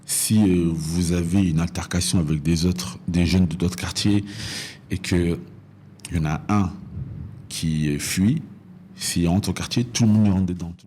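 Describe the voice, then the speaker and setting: A man in his thirties from northern France appears as a podcast guest, telling his own story in an interview. His voice is low, steady and warm, his pace measured, with slight background noise, and he hesitates and repeats phrases while explaining.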